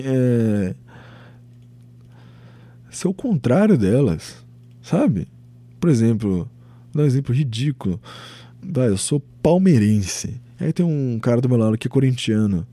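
A young Brazilian man hosting his own podcast, giving a rambling, animated opinion monologue, swearing freely and acting out quoted voices. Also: medium pitch, dry recording. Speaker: podcast host.

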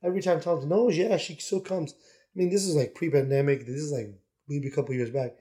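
A man co-hosts a casual podcast conversation from Miami, speaking a little fast in a fairly high, mellow voice with fairly even intonation. He wanders from point to point, restarts often, and puts on voices when quoting.

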